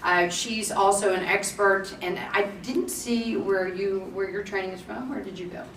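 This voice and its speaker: A woman's voice: mid-range voice, steady tone, moderate pace, fairly bright tone. A woman moderating a conference panel, chatty and joking. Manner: chatty, joking, self-deprecating. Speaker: panel moderator, state representative. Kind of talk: public speaking at a panel. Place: conference room. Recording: roomy, distant mic, faint noise.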